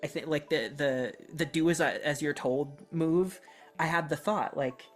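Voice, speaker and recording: A podcast co-host in their thirties talking reflectively and casually, halting and self-correcting as they go. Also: medium pitch, soft background music. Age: 30s. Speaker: podcast co-host and role-playing game player.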